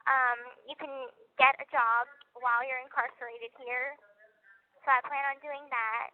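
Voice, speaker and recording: A young woman talking on a prison phone line, soft-spoken and hesitant. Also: sits high, little pitch movement, moderate pace, slight background noise. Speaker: inmate calling from prison. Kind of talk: casual phone conversation.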